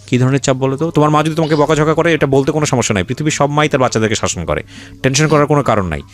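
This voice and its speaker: Racing along with a voice on the high side, a Bangladeshi-accented man hosts an interview. He pushes his guests with probing, directive questions and sprinkles English into his talk.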